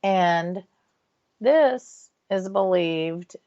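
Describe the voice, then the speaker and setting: A woman's voice: fairly low pitch, very slow, mellow, dry recording. A woman hosting a radio show, telling stories informally and checking in with listeners. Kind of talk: informal paranormal radio storytelling. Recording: dull, lo-fi radio audio.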